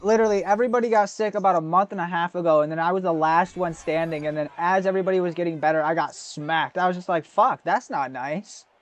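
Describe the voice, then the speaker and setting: A man's voice: high-pitched, steady tone, fast talker, few pauses. A young man streaming a football video game, chatting casually with viewers, swearing often and greeting them by name. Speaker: gaming streamer. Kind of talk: casual live gameplay commentary.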